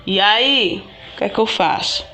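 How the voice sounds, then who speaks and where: A woman's voice: mid-range voice, moderate pace, pushed and bright, soft background music. A woman telling her own story to viewers in a rambling, repetitive way, often restarting and speaking to them directly. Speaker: vlogger. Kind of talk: casual personal storytelling to viewers.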